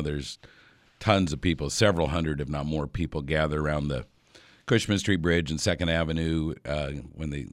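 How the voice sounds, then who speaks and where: A man's voice: very deep voice, dry recording, clean studio sound. A man hosting a radio outdoors show, telling a rambling story with lots of fillers and chuckles. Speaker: radio host.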